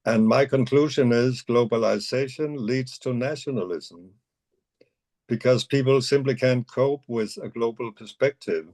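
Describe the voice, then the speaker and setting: A man's voice: medium pitch, measured pace, darkish tone. Hesitant man asking a question. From United States. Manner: hesitant, with many "um" and "uh". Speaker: audience participant asking a question. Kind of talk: casual conversational question.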